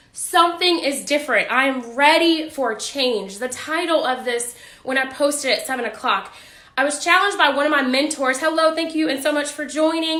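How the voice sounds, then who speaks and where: Woman, high voice, bright and forceful, chatty livestream host, echoey room. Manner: chatty, upbeat, greets viewers, laughs often. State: warm and a bit out of breath. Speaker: physician hosting a livestream. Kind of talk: casual livestream talk. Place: hot home office. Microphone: phone or webcam livestream.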